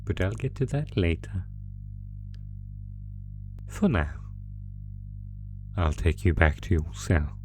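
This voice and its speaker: In an ASMR horror roleplay, a man voices a low-pitched male monster who drawls cruel, mocking taunts at captive prey, toying with them. The theatrical, unhurried delivery is very animated and heavily acted, with music clearly audible beneath the voice.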